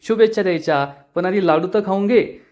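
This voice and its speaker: A proud, boastful older village man who mocks a relative and hands out orders, as the male narrator voices him. The voice is a touch high and only lightly set apart from plain storytelling. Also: a little fast, a little mellow, lightly acted. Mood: mocking. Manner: mocking, bossy.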